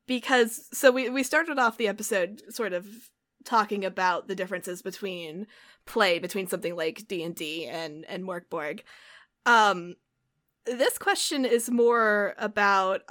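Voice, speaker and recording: This game master's mid-range voice is expressive, fairly bright, and a little slow. She's on a video call for a relaxed post-game podcast, filling her talk about the tabletop session with fillers and ready laughter.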